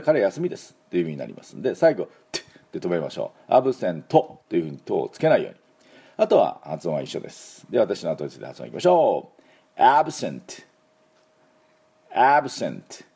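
A middle-aged man hosts a laid-back English lesson in a low, husky voice. His tone is mellow, but his pitch swings widely as he rambles through asides. He leads listeners through repeat-after-me pronunciation drills. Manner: relaxed, chatty, many fillers and asides. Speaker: English teacher and show host. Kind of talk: casual spoken English lesson.

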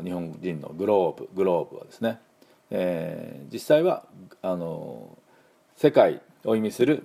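A middle-aged man, a native Japanese speaker, teaching English pronunciation and slowly drilling words for learners to repeat. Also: lowish voice, gravelly, dark tone, husky. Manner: slow, drilling repetition of words. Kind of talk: pronunciation lesson.

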